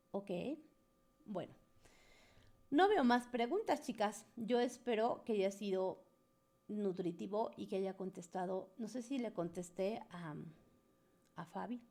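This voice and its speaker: A woman's voice: medium pitch, vocal fry, warm tone. A woman, a spiritual coach answering questions from a group in an earnest, coaxing, conversational way. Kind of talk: live Q&A talk to a group.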